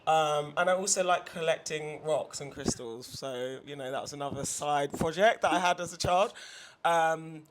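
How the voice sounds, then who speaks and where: In her studio, a young woman from England talks as a guest artist in a relaxed conversation, barely pausing at a moderate pace. Her voice is low, and she laughs easily, restarting often and using plenty of fillers.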